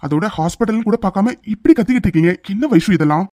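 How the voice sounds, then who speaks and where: A woman's voice: mid-range voice, expressive, very fast, warm tone, slight background noise, pitched below the performer's own voice, close to an everyday voice. A woman voicing a stern young husband in a cartoon serial, who asks firm, reproachful questions.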